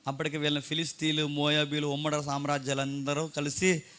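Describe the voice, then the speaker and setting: High bright-voiced male preacher. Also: monotone, brisk. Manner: rhetorical questions, swings between hushed and loud emphatic delivery. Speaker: pastor. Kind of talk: sermon.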